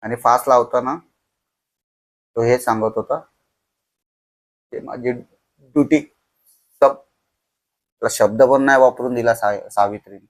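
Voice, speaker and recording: A young man telling a horror story on a podcast, slow and dramatic, dropping to a hush at tense moments. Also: mid-range voice, fairly even intonation.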